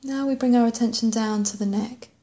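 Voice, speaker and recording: In a slightly high voice with fairly steady intonation, a woman leads a calm body scan meditation, leaving long silences and letting her phrases drift off softly.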